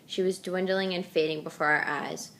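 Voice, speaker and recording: A woman reading a novel passage aloud in a steady narrating manner. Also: lowish voice, moderate pace.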